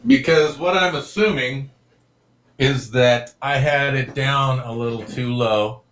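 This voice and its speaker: A middle-aged man in casual chat on a live stream, talking loudly and joking about himself. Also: mid-range voice, takes it slowly, slight background noise. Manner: loud, joking, self-deprecating.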